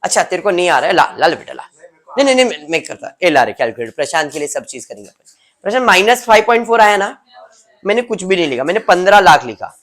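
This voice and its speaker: A man's voice: high-pitched, very animated, fast talker, a bit bright. Male teacher lecturing. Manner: explanatory, teasing students by name. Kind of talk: classroom lecture. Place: classroom with students.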